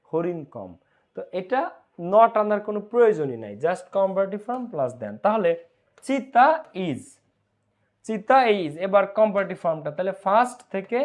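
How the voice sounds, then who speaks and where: Higher-voiced man teaching grammar. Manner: keeps checking in with "okay?", repeats words slowly. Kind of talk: online class lecture.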